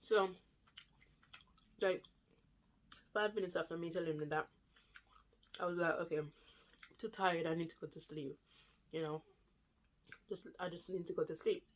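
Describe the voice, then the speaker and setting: Chatty young woman with a London accent. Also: on the low side. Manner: chatty, rambling, many fillers and restarts. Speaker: vlogger. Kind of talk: casual storytelling to camera.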